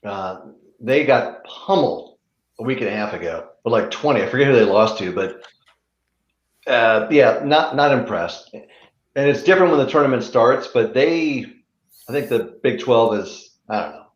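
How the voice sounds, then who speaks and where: A man's voice: medium pitch, lively intonation, normal speed. A man on a sports talk panel giving hesitant picks that trail off, heard in a roomy, dull lo-fi recording. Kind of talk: casual sports chat.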